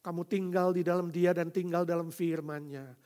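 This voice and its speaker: A man preaching a sermon, swinging between loud proclamations and soft, quiet passages, addressing listeners as brothers and sisters and asking them direct questions. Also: fairly high pitch, little pitch movement, moderate pace. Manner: calls the audience "saudara" and asks them direct questions. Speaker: pastor.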